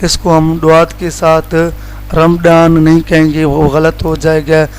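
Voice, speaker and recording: A man from Pakistan teaching Quran letter pronunciation in a plain explaining tone, stretching each letter slowly as a model sound. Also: a little high, completely flat delivery, a little mellow, clean tone, faint music behind, rough recording.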